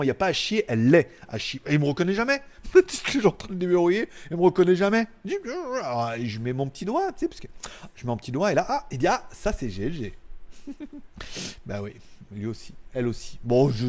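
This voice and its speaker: Very animated and a little fast, a French man with a fairly high, darkish voice hosts a live tech news stream from home. His casual chat rambles along with jokes, crude asides and frequent laughter.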